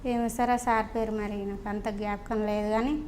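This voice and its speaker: A woman's voice: medium pitch, little pitch movement, moderate pace, darkish tone, a little hiss or hum. A woman with a Telangana accent giving an earnest, pleading account in an interview, often addressing the interviewer as sir. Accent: Telangana Telugu. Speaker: crime victim's wife interviewed. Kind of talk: emotional first-person account.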